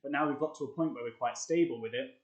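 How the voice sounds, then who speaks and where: Chatty breathless fitness coach. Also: male voice, medium pitch, fast talker. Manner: chatty and upbeat, coaching between sets. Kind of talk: live-streamed workout tutorial. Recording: echoey room.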